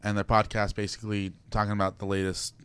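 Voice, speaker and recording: A young man telling animated, excitable stories as a guest on a casual radio show. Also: fairly low pitch, fast, smooth, no room sound. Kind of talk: casual radio interview storytelling.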